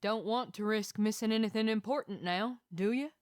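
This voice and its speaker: Woman voicing a calm wry mare, smooth resonant voice, dry close sound, fan game. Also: mid-range voice, moderate pace, no echo, lightly acted.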